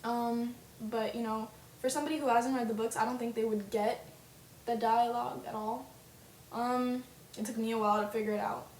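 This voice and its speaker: A woman's voice: fairly high pitch, fairly even intonation, moderate pace, darkish tone. A young woman chatting in a casual fan vlog, gushing and full of fillers. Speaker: fan vlogger. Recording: roomy webcam audio with faint hiss.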